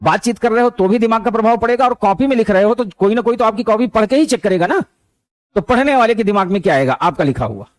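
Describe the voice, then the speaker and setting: Here the man's voice is high-pitched, expressive, and fast, recorded without room sound. His motivational lesson unfolds like a conversation, dotted with anecdotes and stray English words.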